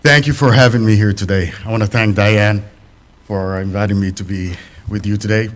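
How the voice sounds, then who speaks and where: A man with a deep, low voice addresses a congregation as a guest speaker. He talks in an unhurried way, pausing on fillers and restarting phrases. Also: steady tone. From Sudanese family, raised in the UAE. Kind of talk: talk at a congregation. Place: fellowship hall.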